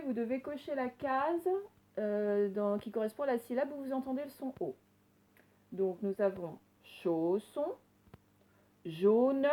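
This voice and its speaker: Woman, primary teacher, warm higher voice, careful sounded-out words for a recorded reading lesson. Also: rough recording. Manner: slow, clearly sounded-out words, gentle instructions.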